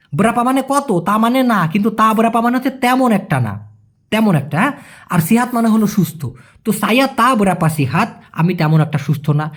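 A man, teaching a language lesson and repeating phrases slowly for learners. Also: high voice. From Bangladesh.

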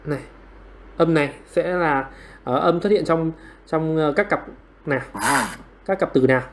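A man with a fairly high voice runs a livestream English quiz from his home computer. He keeps prodding the class for answers, and he shrugs off his own slip-ups with quick, self-mocking apologies. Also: a little hiss or hum. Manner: coaxing, repeatedly prodding students for answers. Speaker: online English teacher.

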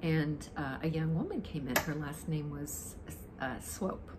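An older woman with a low voice and a dry throat talks casually and reminiscently, wandering from one thought to the next. She is recorded in a living room at home, with clear noise in the background. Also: measured pace. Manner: rambling, reminiscing. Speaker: amateur guitarist introducing a song. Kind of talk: casual chat to camera. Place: living room, indoors, on a sofa.

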